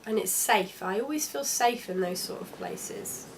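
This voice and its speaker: A woman's voice: medium pitch, measured pace, a little hiss or hum. Chatty young woman. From London. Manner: chatty and candid, with frequent restarts. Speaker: travel vlogger. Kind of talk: casual travel vlog narration.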